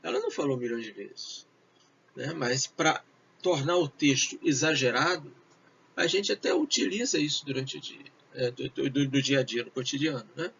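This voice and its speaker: A man teaching a recorded video lesson, talking slowly and hesitantly with many fillers and switching between Portuguese and English. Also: medium pitch, creaky, a bit bright. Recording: dull lo-fi with faint noise.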